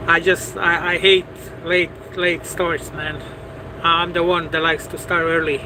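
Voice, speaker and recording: A man's voice: fairly high pitch, level tone, unhurried, background noise. A man, a truck driver chatting casually with his livestream viewers and circling back over his words with many "you know"s. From Bosnia. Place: parked truck at a truck stop.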